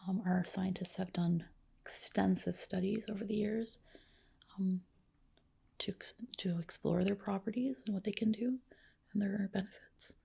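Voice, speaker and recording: Playing the part of a spa clinician for ASMR, a woman whispers in a soft, breathy, comforting way. Her voice sits in the mid range, steady and a little slow.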